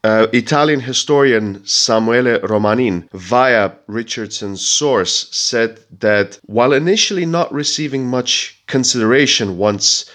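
A man's voice: mid-range voice, measured pace, few pauses, a bit bright. A man hosting a history podcast, reading scripted narration in a nasal voice while he has a heavy cold, with occasional fillers and restarts.

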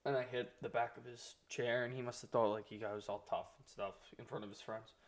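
A man's voice: medium pitch, fairly even intonation, fairly quick. A man in his twenties co-hosting a casual podcast, laid-back, swearing often and drawing out words for emphasis. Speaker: podcast co-host. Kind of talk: casual chat.

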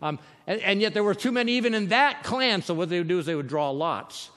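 Man preaching, high voice, keeps asking right?, goes quiet to make a point, big echoey hall. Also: animated, fairly quick. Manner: conversational, often asks "right?"; drops to quiet emphasis. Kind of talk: sermon on scripture. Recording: long hall reverb.

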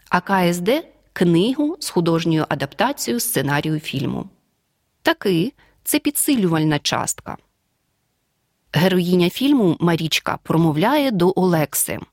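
A woman from Ukraine teaching a language lesson, reading a scripted audio lesson and dictating example words clearly and deliberately. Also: fairly low pitch, no room sound, studio quality.

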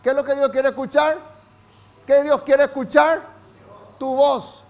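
A man preaching as pastor, moving between intimate asides and loud fervent prayer. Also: extremely high pitch, flat delivery, measured pace. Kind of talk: sermon.

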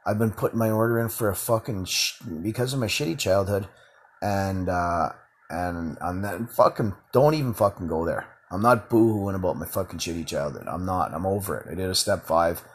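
A low-voiced man talking alone on his podcast, with a husky, slightly rough tone. He rambles freely, curses in nearly every sentence and lets out short chuckles between his ums and you-knows. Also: expressive, moderate pace. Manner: rambling, heavy swearing, frequent fillers and chuckles. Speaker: podcast host. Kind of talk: casual solo monologue.

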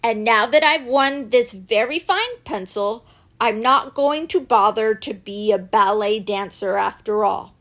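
A gentle storybook teddy bear, played by a woman, polite and quietly pleased with himself. He talks in a slow, measured way with a creaky edge. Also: on the high side. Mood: forgiving, content.

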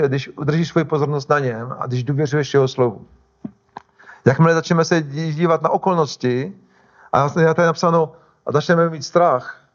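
A man's voice: on the high side, lo-fi sound. A male pastor preaching a sermon in a conversational way, often stopping to restart and correct himself.

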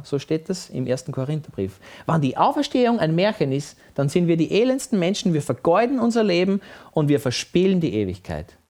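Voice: medium pitch, a little mellow. A Bible teacher, giving an emphatic teaching talk and often checking with the listener.

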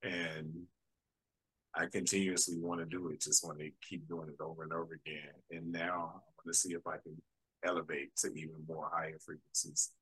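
Deep-voiced man with a husky edge. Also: little pitch movement, brisk, pushed and bright, no room sound, low-quality recording. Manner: earnest and enthusiastic, with short affirmations. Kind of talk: casual conversation.

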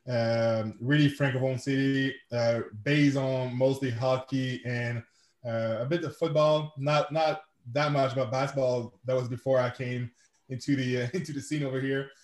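A sport founder and coach from Quebec City, Canada, speaks as an interview guest in a mid-range voice with fairly even intonation and a moderate pace. French is his first language and he has a Québécois French accent. He talks casually and rambles, with many restarts and fillers, and the recording sounds roomy.

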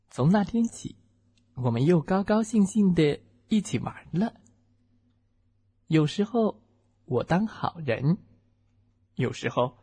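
A woman's voice: fairly low pitch, warm tone, slightly rough. A woman reading a children's picture book aloud, playfully acting out the characters in turn. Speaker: storyteller.

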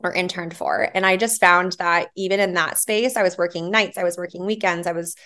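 A woman in her thirties speaks as a podcast guest with a somewhat low voice. Her delivery is animated and chatty, full of fillers and quick laughs. She sounds relaxed and conversational. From Hawaii, raised later in Arizona. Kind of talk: casual conversational interview.

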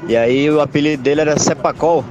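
A man telling a school story in a casual voice message to a radio show, animated and laughing. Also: on the high side, quick pace, dull audio. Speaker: listener sending an audio. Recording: voice message with loud crowd behind.

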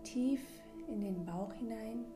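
A woman guiding a meditation in a soft, breathy near-whisper, gently and soothingly, with long pauses. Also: on the high side. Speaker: meditation guide and podcast host. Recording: roomy echo, ambient music bed. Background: slow ambient new-age music.

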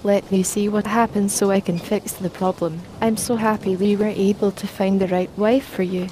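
A woman voicing a stiff female customer service rep who talks in a flat, robotic way. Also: mid-range voice, normal speed, background noise, lightly acted. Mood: scripted.

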